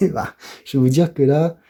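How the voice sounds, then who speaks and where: A middle-aged man with a French accent giving a soft-spoken ASMR comic review, hesitant and often dropping to a whisper. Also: mid-range voice, steady tone. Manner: hesitant, fills pauses with "euh" and "voilà", often drops to a whisper.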